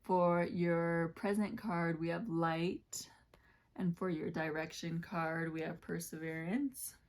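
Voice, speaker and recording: A woman with a low, level voice that has a slight scratch to it, giving a casual tarot reading. She rambles along with plenty of fillers and keeps correcting herself. Her pitch stays even and rarely climbs. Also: slow. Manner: rambling, warm-hearted, many fillers and self-corrections. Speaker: tarot reader.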